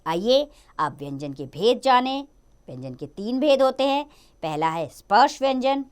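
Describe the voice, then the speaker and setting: A woman teaching a grammar lesson to children, drawing out each letter and example word slowly. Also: a little high, sing-song, clear, resonant tone. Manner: slow, drawn-out teaching of each letter and sound.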